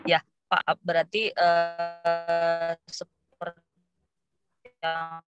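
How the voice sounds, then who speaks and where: A woman asking a question in an online seminar while travelling, her call audio choppy and cutting out, speech halting and broken. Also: on the low side, completely flat delivery, dull audio, over music. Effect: choppy, cutting-out video call audio. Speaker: webinar participant asking a question. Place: travelling, on the road. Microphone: video call.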